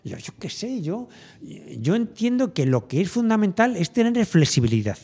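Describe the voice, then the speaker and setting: A man's voice: high voice, sing-song, moderate pace, a little mellow, husky. A middle-aged man from Spain chatting casually and thinking aloud, rambling with many fillers and restarts. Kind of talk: casual chat.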